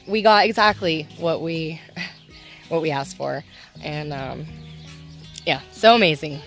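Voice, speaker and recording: A woman's voice: low voice, slow, a bit bright, soft background music. A woman chatting casually in a home vlog, emotional and laughing often as she rambles about her nursery. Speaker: homestead nursery owner.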